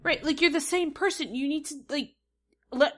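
A woman chatting casually as a podcast co-host, sarcastic and heated, acting out quoted lines in quick asides. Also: sits high. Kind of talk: casual chat.

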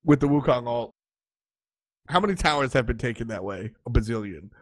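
A man hosting a casual esports podcast, joking and animated, often trailing off and restarting. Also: medium pitch, brisk. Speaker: podcast host.

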